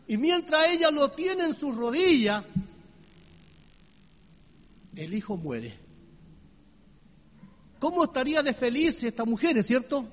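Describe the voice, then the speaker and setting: Male preacher, high voice, sermon delivery, turns from soft to loud and questions the congregation, hall reverb. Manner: swings between hushed low tones and loud high exclamations.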